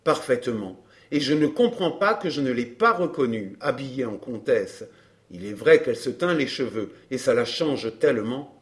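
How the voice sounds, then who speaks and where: A man voicing a smug, scheming fake baron, smooth and mocking in an audiobook drama. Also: mid-range voice, expressive, moderate pace, close to an everyday voice.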